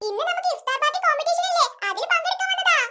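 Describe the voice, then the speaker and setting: Squeaky cartoon schoolgirl. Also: animated, racing, bright, forceful tone, full character voice. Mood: teasing. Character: bossy little schoolgirls in a cartoon. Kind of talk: cartoon voice acting.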